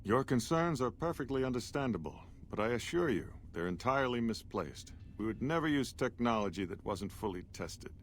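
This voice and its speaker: A man's voice: medium pitch, expressive, fairly quick, hardly any pauses, natural voice. A man playing a pompous, condescending scientist in a video game, speaking formally and talking down to the listener. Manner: pompous, formal, rhetorical diction. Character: pompous, condescending male scientist, director of operations. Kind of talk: video game character dialogue. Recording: noisy game audio with background ambience.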